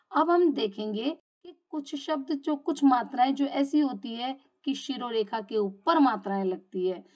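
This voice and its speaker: A woman teacher giving a grammar lesson, explaining step by step and asking and answering her own questions, drawing out example words slowly. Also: on the high side, a little mellow. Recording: dull lo-fi audio.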